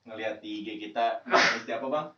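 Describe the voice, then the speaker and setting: A man's voice: medium pitch, quick pace, a little hiss or hum. Chill guy doing the outro plugs, roomy dull audio. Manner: relaxed, wraps up with viewer plugs. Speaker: co-host. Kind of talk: casual chat. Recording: echoey dull room, distant mic.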